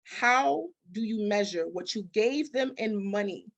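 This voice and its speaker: Her pitch is medium and expressive, her pace measured, with a crowd audible behind her. This guest expert, a business consultant who specializes in grants, speaks forcefully in a chatty interview, peppering it with rhetorical questions and little acted-out exchanges.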